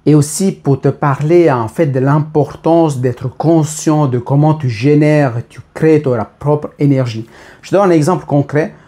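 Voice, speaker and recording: A man's voice: a little high, unhurried, dark tone. A man in his thirties talking casually and spontaneously to camera, rambling with many fillers and restarts. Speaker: vlogger.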